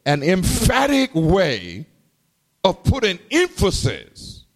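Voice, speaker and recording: A man preaching a sermon in a rhythmic, call-and-response style, dropping to low murmurs and rising to sung shouts. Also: wildly swooping pitch, takes it slowly. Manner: repeats and calls to the congregation.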